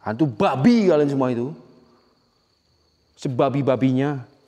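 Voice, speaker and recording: A man's voice: medium pitch, lively intonation, a little slow, dark tone. A man, filming a ghost-hunting vlog in an abandoned village, angrily taunting and swearing at the spirits. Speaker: paranormal explorer vlogger.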